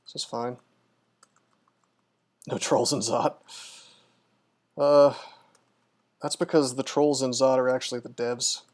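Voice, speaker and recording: A man's voice: mid-range voice, flat delivery, slow, long pauses, darkish tone. A man streaming a game, talking casually and musing aloud, with frequent ums and restarts. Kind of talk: live-stream gameplay commentary.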